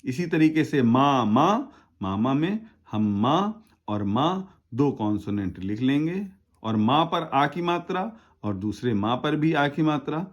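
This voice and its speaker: A man's voice: medium pitch, lo-fi sound. A man teaching shorthand in a tutorial, patiently spelling out words syllable by syllable. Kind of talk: step-by-step tutorial explanation.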